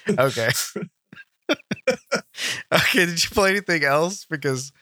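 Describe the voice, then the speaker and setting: A man hosting a casual gaming podcast, talking in a halting way with many "um" fillers. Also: fairly high pitch, pushed and bright, no echo, clean studio sound. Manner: filler-heavy, halting delivery with frequent "um". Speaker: podcast host.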